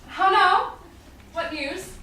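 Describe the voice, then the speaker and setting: High-voiced witty Portia, played by a woman, in echo. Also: slow pace, sharp tone, heavily acted. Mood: wry. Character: witty young Venetian heiress, wry and sharp-tongued. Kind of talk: staged reading of Shakespearean comedy. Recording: distant echoey room with faint noise.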